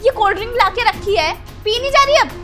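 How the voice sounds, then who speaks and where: Woman doing a nagging sister-in-law, very high voice, bright tone, repeats herself, faint music behind. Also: lively intonation, fast, heavily acted. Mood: scolding. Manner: scolding, nagging repetitions. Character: scheming young sister-in-law, sharp-tongued. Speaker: actor in a family skit. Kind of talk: amateur Hindi web-skit acting.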